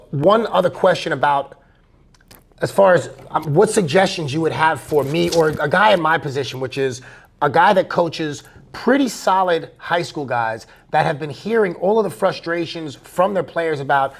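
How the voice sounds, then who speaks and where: A man's voice: a little high, expressive, moderate pace, gravelly, breathy edge. A man chatting casually as an interviewer, rambling through long, wound-up questions. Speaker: interviewer, high school baseball coach.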